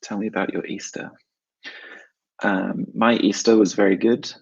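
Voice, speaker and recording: A man from South London, speaking with a South London English accent, teaches an informal online lesson as an English teacher and webinar host. His phrases are short, simple and chatty, with some repetition. The voice is lowish, level and creaky, darkish and husky, at a normal speed, and the audio is lo-fi.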